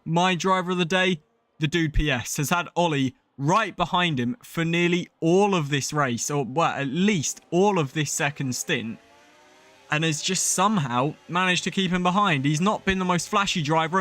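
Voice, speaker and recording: A young man calls an online sim race in a high, bright voice. He is excitable and his voice climbs sharply when drama hits the track. The delivery is quick and full of play-by-play. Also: dry recording. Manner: excitable, builds to shouts at crashes and rain. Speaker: race commentator. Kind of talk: live sim racing commentary.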